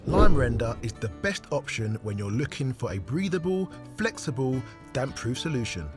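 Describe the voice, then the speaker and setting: Lively British male property presenter. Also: mid-range voice, moderate pace, music in the background. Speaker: property show co-host. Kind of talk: presenting and voice-over tips.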